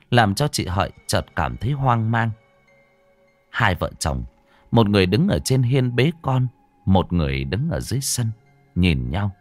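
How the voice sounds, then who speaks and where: Male ghost story narrator, dramatic, very lively intonation, soft music underneath. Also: fairly low pitch, dry recording. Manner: dramatic, slowing down for suspense.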